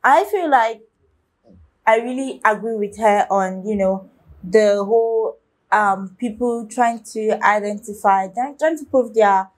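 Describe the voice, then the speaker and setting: A woman's voice: medium pitch, a little slow. A young woman hosting a reaction video, talking to viewers in a casual, rambling way with many restarts and fillers. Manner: talks straight to viewers, asking their opinion.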